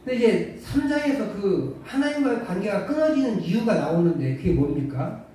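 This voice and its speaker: In a church sanctuary, a pastor whose voice sits high with big pitch swings and a dark tone preaches at a moderate pace. His conversational sermon is full of rhetorical questions and dry humor, recorded from a distance in the echoey hall with faint hiss.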